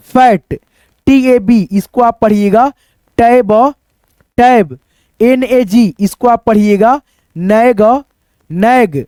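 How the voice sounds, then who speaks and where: In a dry recording, a man whose voice sits high and a bit mellow gives a phonics lesson at the whiteboard. He spells words letter by letter, says each one again, and poses questions to the class before answering them himself.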